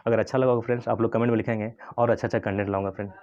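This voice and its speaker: A man teaching English in a lesson, explaining slowly and repeating phrases with frequent tag questions. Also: on the low side, flat delivery, a little mellow, lo-fi sound. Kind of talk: Hindi-language English lesson.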